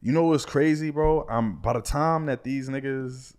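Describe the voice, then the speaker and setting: A man who raps, talking as a podcast guest in a loose, slangy way, his level drifting from mumbled to loud. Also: medium pitch, moderate pace, smooth. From New York. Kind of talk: casual chat.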